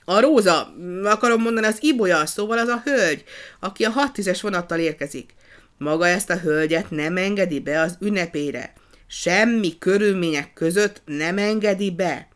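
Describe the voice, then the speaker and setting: Narrator putting on a bossy male gardener, worked up and shouting, voice pushed higher and louder than the telling around him. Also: lightly acted. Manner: excited, fussy, often shouting.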